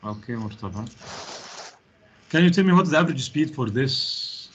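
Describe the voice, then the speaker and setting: A man's voice: mid-range voice, lively intonation, fairly quick, a bit bright, a little hiss or hum. A man teaching an online physics class over a video call, questioning students and explaining step by step. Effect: heard over a video call. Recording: muffled video-call audio.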